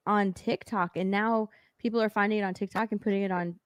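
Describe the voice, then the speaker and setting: A woman on a casual stream panel, explaining with lots of fillers and restarts. Her pitch sits in an ordinary middle range. The sound is dry and close. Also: fairly even intonation, a little fast, clean tone, no room sound. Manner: chatty, explains with many fillers. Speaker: panel guest.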